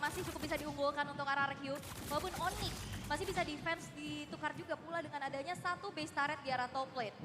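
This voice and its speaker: Indonesian girl co-casting a game match, really high voice, talks fast, music behind her. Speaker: esports co-commentator. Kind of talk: live game commentary.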